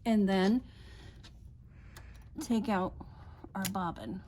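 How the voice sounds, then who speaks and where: A woman's voice: mid-range voice, extremely slow, a little mellow, slight background noise. A woman casually demonstrating a sewing machine step by step, chatty and laughing often as she explains.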